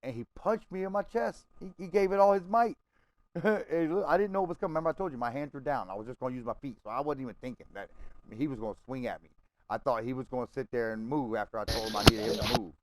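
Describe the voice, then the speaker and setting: A man's voice: mid-range voice, fast, dry recording, poor audio. A man telling a long personal story to friends over game chat, swearing freely, rambling, and often checking in with "okay?" and "right?". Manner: profane, rambling, keeps checking in with listeners. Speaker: gamer chatting with friends.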